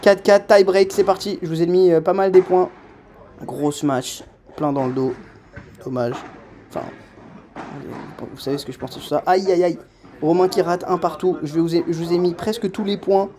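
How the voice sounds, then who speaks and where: Excitable self-mocking young man. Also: high-pitched. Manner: self-mocking, excitable, swings from muttering to shouting. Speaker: padel player commenting his own match. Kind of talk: voice-over commentary on match footage.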